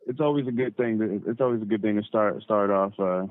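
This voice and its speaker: A young American man speaks over a thin, tinny prison phone line. His talk is quick, casual and full of slang, with phrases often repeated. The sound is dry and narrow. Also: fairly low pitch, no room sound. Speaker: guest calling from prison. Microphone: telephone.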